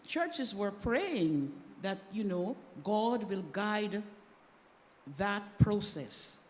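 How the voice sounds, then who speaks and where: A woman's voice: mid-range voice, lively intonation, very slow. A woman speaking as a panelist in a church discussion, earnest and emphatic. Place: church hall. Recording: echoey hall, faint background noise.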